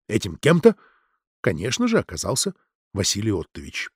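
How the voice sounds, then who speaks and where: A man narrating an audiobook in an expressive, measured storytelling manner. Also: lowish voice, husky, no room sound, clean studio sound.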